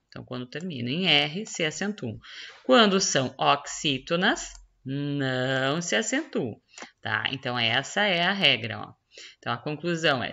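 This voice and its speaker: A woman teacher with a Brazilian Portuguese accent, going through the answers to a school exercise and slowing down to spell out each word. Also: low-pitched, creaky, pushed and bright, highs cut off. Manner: explanatory, stretches words slowly while spelling out answers. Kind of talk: correcting a school exercise on screen.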